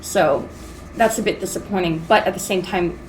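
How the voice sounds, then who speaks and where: A woman's voice: fairly low pitch, normal speed, slight background noise, rough recording. A young woman, a podcast guest, chatting casually and animatedly, with many "like" fillers. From Singapore, then US and Hong Kong. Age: young adult. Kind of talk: casual chat.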